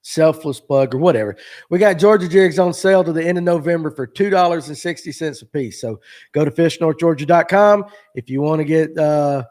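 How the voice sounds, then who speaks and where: A man in his forties hosts a casual fishing chat. His voice sits a bit high, and he rambles and jokes with plenty of fillers. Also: a little fast, a little mellow. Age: 40s. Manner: rambling, joking, lots of fillers. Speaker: show host. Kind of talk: casual live-stream chat.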